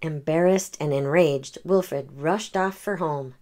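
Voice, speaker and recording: Reading a picture book aloud for children, a woman narrates in an expressive storytelling style. She speaks slowly in a low voice.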